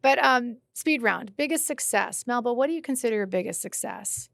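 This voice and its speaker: An enthusiastic woman hosts a podcast, chatting casually and exclaiming often. Her voice sits a little high and has a gravelly fry. The recording is close and dry. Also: animated, fairly quick, a bit bright, no room sound. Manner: effusive, exclamatory. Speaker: podcast host. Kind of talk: casual interview chat.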